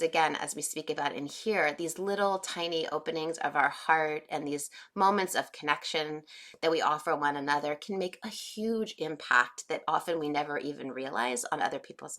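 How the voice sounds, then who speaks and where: Soft-spoken woman meditation teacher, low voice. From United States. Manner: gentle, unhurried, many fillers. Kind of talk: guided meditation class.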